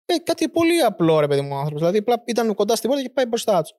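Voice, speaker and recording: A man's voice: high-pitched, big pitch swings, warm tone. Rambling male storyteller, everyday voice. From Greece. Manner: rambling storyteller, frequent fillers, acts out quotes. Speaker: guest telling a story. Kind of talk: casual chat.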